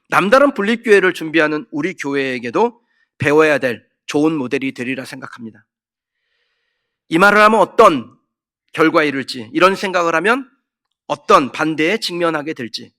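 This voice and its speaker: A man's voice: on the high side, bright, forceful tone. A man, a pastor, preaching a sermon in earnest, asking rhetorical questions and now and then rising sharply for emphasis. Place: church sanctuary.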